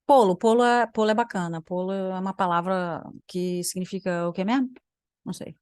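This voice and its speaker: A woman's voice: fairly low pitch, fairly even intonation, fairly quick, smooth, dry recording, studio quality. A young Brazilian woman, a language teacher, giving sarcastic reaction commentary while thinking aloud and trailing off into mutters. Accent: Brazilian Portuguese.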